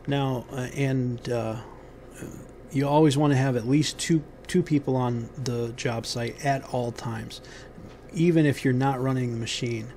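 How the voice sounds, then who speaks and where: A man giving unscripted how-to instructions on a building site outdoors, pausing often with ums and restarting his sentences. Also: medium pitch, fairly even intonation, warm tone, a little hiss or hum. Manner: halting, many ums and restarts.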